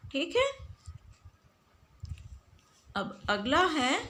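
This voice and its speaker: A woman teacher giving a spelling lesson, slowly stretching out words and asking her pupils questions. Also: on the high side, pushed and bright.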